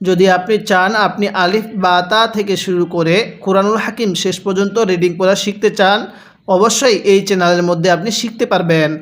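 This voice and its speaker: A male religious teacher giving a recorded lesson step by step. He keeps asking how to read a phrase, then chants it very slowly and drawn out before explaining. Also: high-pitched, steady tone. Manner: asks himself how to read, then answers.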